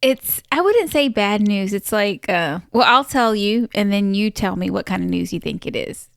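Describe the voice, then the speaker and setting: A woman's voice: mid-range voice, animated, moderate pace, vocal fry, dry recording, studio quality. A woman co-hosting a casual podcast, telling stories in a hesitant, giggly way. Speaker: podcast co-host. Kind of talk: casual chat.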